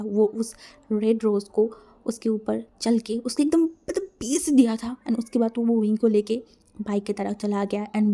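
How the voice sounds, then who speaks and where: A woman's voice: mid-range voice, dark tone. A woman narrating a fan-fiction story in a dramatic way, mixing in English words.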